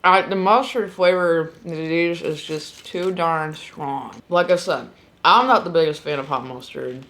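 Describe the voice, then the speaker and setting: A woman's voice: low voice, unhurried, a bit bright, slight background noise. A woman giving a candid, casual tasting review as the host, in plainspoken style.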